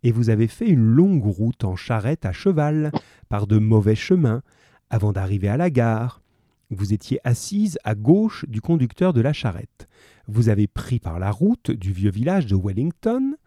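A shrewd, kindly male detective, read aloud by a man, calmly walking a visitor through his deductions with quiet amusement. The voice is very dark and mellow, with a lively, wandering pitch, and the sound is close and dry. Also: dry recording. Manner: calm, reassuring, lightly amused.

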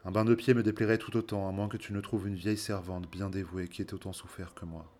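Man as a slow solemn disguised king. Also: low voice, little pitch movement, a little mellow, close to an everyday voice. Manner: slow, solemn, formal speech.

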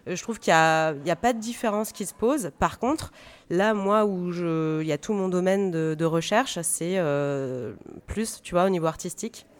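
Appearing as a guest on a radio panel, a stage director and drama teacher speaks conversationally in a lowish voice at normal speed. She often searches for her words.

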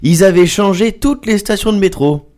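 A man's voice: high-pitched, moderate pace, darkish tone. A man delivering a sarcastic, theatrical comic column in a radio studio. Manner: sarcastic, theatrical, with mock exclamations.

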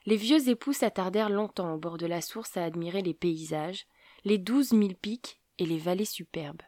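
A woman narrating a folktale in a measured, calm manner. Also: lowish voice, dry recording, studio quality. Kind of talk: storybook narration.

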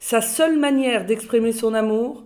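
A woman reading a children's novel aloud in a calm, expressive storytelling voice. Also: a little high, moderate pace. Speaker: reader.

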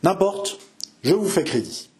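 A man playing a calm, ironic young chevalier who speaks with cool, biting composure. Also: high-pitched, unhurried, voice pushed up.

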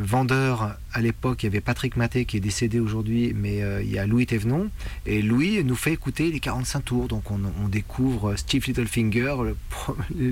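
With slight background noise and loud music behind him, a middle-aged punk musician from France recalls old times in a documentary interview. His voice is mid-range, and he halts often, searching for words and repeating himself.

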